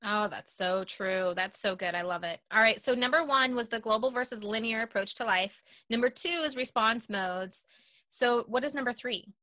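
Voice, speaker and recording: A woman's voice: fairly high pitch, normal speed, sharp tone, no echo. A woman hosting an interview, thinking aloud with many small fillers. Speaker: host. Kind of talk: casual interview.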